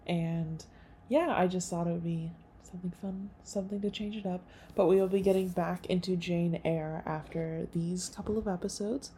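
A woman's voice: lowish voice, steady tone, moderate pace, warm tone, slight background noise. Casual chatty woman hosting a podcast. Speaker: podcast host.

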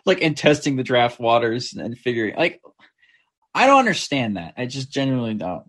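A man's voice: mid-range voice, big pitch swings, normal speed, breathy edge. A man co-hosting a sports podcast, talking casually and repeating words as he thinks. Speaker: podcast co-host.

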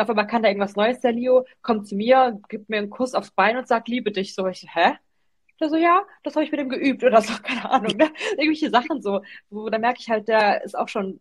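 A woman hosts a relaxed podcast conversation about parenting. Her voice sits in an ordinary middle pitch, and she talks loosely, often ending her sentences with a questioning "ne?". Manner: chatty, often ends with "ne?". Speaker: podcast host. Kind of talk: casual chat.

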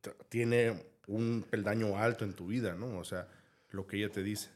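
A man's voice: fairly low pitch, steady tone, normal speed. A man co-hosting a casual podcast chat, mostly giving brief backchannels and asking short curious questions. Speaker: podcast co-host.

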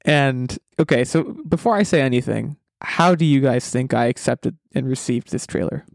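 A gravelly, medium-pitched man hosts a casual pop culture podcast from a basement room at home, talking at a normal speed, opinionated and emphatic, often restarting his sentences. The sound is clean and studio-like with no room sound.

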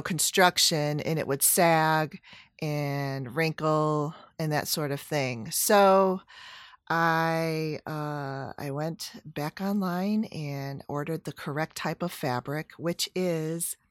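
A woman's voice: sits low, no echo, studio quality. A woman chatting casually about a home project, rambling with fillers and self-corrections. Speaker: DIY vlogger. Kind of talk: casual chat.

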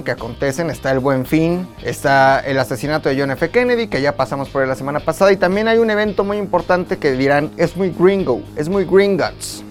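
A man with a Mexican accent hosting a joking podcast, playful and slangy with theatrical turns. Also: a little high. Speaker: podcast host.

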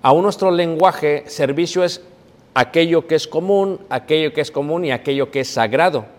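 A man's voice: on the high side, moderate pace. A man preaching a teaching sermon, explaining step by step with frequent fillers. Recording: echoey hall with long reverb.

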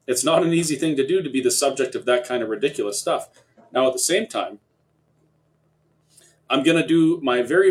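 A man hosting a discussion, speaking earnestly and building to forceful declarations. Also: medium pitch. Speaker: host. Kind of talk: talk-show discussion.

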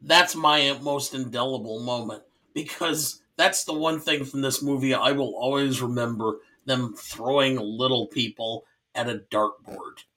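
A man's voice: mid-range voice, fairly even intonation, measured pace, hardly any pauses, sharp tone. A man co-hosting a casual film podcast, telling dry anecdotes. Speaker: podcast co-host.

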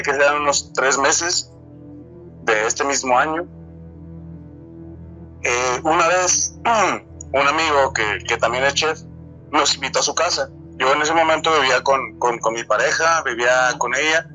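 A man in his twenties with a Mexican accent, telling a true encounter in a halting, repetitive way, often restarting his words. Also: mid-range voice, bright, forceful tone, low-quality recording. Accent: Mexican Spanish. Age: 20s. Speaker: storyteller sharing a true encounter. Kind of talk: casual spoken testimony.

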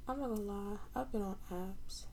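A woman's voice: mid-range voice, moderate pace, gravelly, warm tone. A woman in her early twenties hosting a casual solo podcast from her bed, rambling informally in slangy speech. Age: early 20s. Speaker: podcast host. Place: on a bed at home, late at night. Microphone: standalone mic set at a distance. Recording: faint background noise, mic not close.

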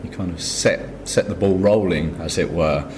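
A man's voice: low-pitched, moderate pace, a little mellow, slight background noise. A man interviewing someone, asking conversational questions with tentative, trailing phrasing.

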